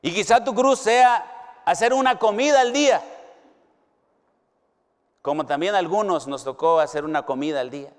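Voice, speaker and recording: Preaching in a university hall or chapel, this middle-aged pastor speaks with a Mexican Spanish accent and a high voice. His delivery is slow and emphatic, with dramatic pauses and big shifts from loud to hushed, all carried on a long hall reverb.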